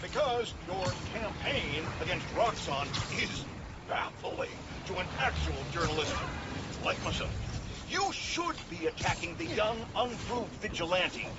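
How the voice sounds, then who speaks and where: A man's voice: sits high, sing-song, measured pace, muffled recording, heavy background noise. An actor playing a brash, scornful male radio talk host in a video game. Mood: mocking. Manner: scornful, mocking. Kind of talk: game voice acting.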